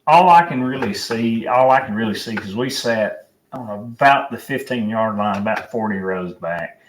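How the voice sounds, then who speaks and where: A man's voice: on the low side, normal speed. A man hosting a casual sports chat, rambling with many fillers. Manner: rambling, filler-heavy storytelling. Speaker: podcast host. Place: home room at night. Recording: roomy echo, distant mic, faint noise.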